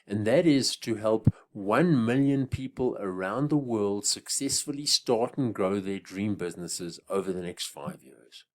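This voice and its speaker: A man, a business coach delivering a scripted sales pitch that builds up to each price drop. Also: animated, unhurried, few pauses, a little mellow. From Africa. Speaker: business coach selling an online course.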